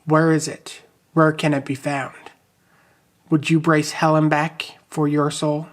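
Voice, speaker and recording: Male podcast host, chatty sign-off, then a plain, steady reading from his own book. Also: fairly high pitch, measured pace. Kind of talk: casual chat and reading from his novel.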